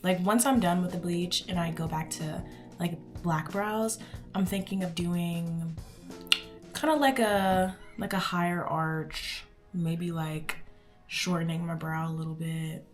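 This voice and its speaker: A woman's voice: lowish voice, fairly even intonation, unhurried, faint music behind. A woman in her twenties from Houston, chatting casually and rambling as she does her makeup for a beauty vlog. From Houston, Texas. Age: 20s. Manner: chatty, rambling, says "like" often. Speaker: beauty vlogger. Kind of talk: casual chat while doing makeup.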